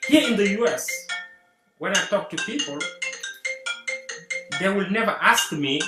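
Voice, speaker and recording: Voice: mid-range voice, unhurried, over loud music. Guest, earnest and rallying, voice swinging widely, roomy echo. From Senegal. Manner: animated, repeats rallying phrases. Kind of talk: earnest community talk.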